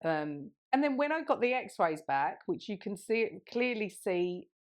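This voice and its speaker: A woman in her thirties co-hosts a podcast, spinning a meandering story in relaxed conversation and laughing frequently. Her medium-pitched voice has a sing-song lilt, and she speaks at a measured pace.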